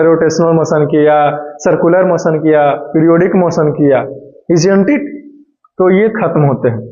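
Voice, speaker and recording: A male science teacher lectures in a chatty, explaining manner, his voice a little high but mellow. He is recorded in an echoey room with dull, lo-fi sound. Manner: chatty, mixing Hindi and English, asks and answers his own questions. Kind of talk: classroom lecture.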